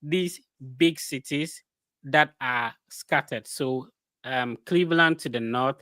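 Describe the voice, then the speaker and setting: A man hosts a casual podcast interview, rambling loosely with many fillers and restarts as he asks his guest questions. His medium-pitched voice is slow with a sharp tone. The studio-quality audio has no echo.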